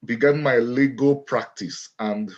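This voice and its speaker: A middle-aged Nigerian man with a Nigerian accent, speaking as an interview guest in a measured, deliberate way and restating his phrases. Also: mid-range voice. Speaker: guest, author and lawyer. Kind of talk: interview storytelling. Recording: dull lo-fi audio.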